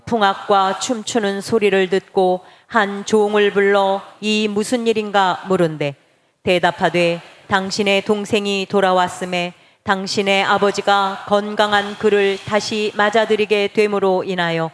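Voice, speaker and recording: A woman solemnly reading scripture aloud in a church, in a measured, formal cadence. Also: medium pitch, steady tone, big-room sound. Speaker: scripture reader. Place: church sanctuary.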